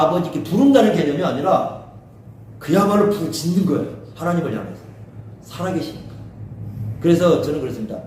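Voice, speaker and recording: A man's voice: fairly high pitch, a little mellow. A man teaching a Bible study as a pastor, asking his listeners questions and acting out quotes in a raised voice. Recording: very echoey room, speaker far from mic, faint hiss.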